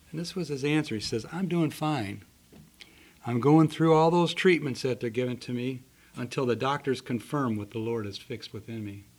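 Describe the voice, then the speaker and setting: A man preaching a sermon, telling stories earnestly and acting out the people in them. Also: medium pitch. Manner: earnest storytelling with voiced characters.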